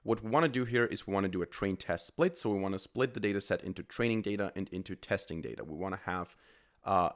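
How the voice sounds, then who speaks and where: Low-voiced man teaching code, with a cold. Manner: explains step by step while typing code. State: has a cold, voice a bit off. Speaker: programming tutor. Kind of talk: screen-recorded coding tutorial.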